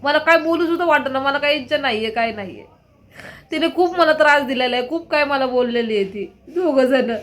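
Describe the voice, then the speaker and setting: A woman's voice: high-pitched, a little fast, a bit bright. A distressed woman talking in an emotional personal vlog, aggrieved and firing off repeated rhetorical questions. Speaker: vlogger.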